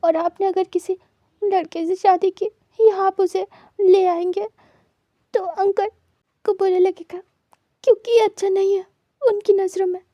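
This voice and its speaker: A woman's voice: very high-pitched, level tone, a little slow, pauses often, no room sound, muffled recording, pitched above the performer's own voice. A woman voicing a tearful, emotional young man who stammers and repeats words while crying. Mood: tearful pleading. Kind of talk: dramatized story reading.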